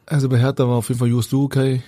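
A former footballer talking as a guest in a relaxed chat, with a mellow, somewhat husky voice. His talk is loose and colloquial, and he keeps searching for the right word. The sound is close and dry. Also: mid-range voice, very fast, dry recording. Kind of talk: casual anecdotal storytelling.

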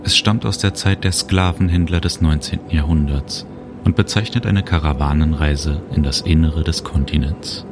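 A man narrating a guided relaxation journey, speaking slowly and soothingly. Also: a bass voice. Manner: slow, calm, soothing. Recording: music bed under voice. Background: music and cricket sounds.

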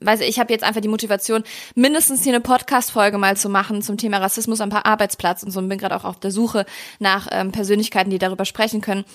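A woman's voice: mid-range voice, fairly even intonation, fast. A woman from Germany hosting a podcast, asking questions in an engaged, reflective way with occasional fillers. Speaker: podcast host. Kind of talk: casual podcast interview.

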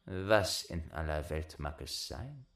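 A man voicing a sly, greedy male innkeeper in a fairy tale reading, murmuring low and hushed as he schemes. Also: expressive, takes it slowly, creaky, exaggerated voice. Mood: scheming.

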